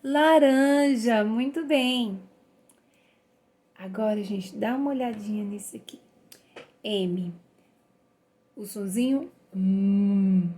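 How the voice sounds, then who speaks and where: A woman leads a children's phonics lesson. Her voice sits a little high, and she speaks very slowly, drawing out each letter sound. She encourages the listener warmly as she sounds the words out. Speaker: literacy teacher.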